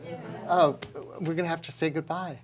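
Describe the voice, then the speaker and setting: A man's voice: a little high, fairly even intonation, fairly quick, some chatter behind. A man hosting a live talk show, joking with the guest and the studio audience.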